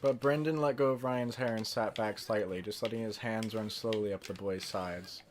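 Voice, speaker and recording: A man reading a story aloud deadpan while gaming, with offhand asides. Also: fairly low pitch, moderate pace, a little hiss or hum. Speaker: fan fiction reader.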